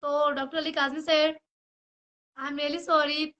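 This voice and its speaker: High-pitched bright young woman rambling. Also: level tone, slow pace, highs cut off. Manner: rambling, apologetic, mixes in English phrases. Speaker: actress. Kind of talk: emotional personal address to camera. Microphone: headphones on.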